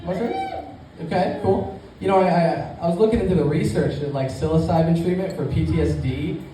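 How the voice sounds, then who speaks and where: A man's voice: fairly high pitch, fairly quick. Echoey young man doing hesitant stand-up. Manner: hesitant, rambling delivery. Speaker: amateur stand-up comedian. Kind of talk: stand-up comedy in front of an audience. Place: echoey room in front of a small live audience. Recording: echoey room from far off, clear background noise.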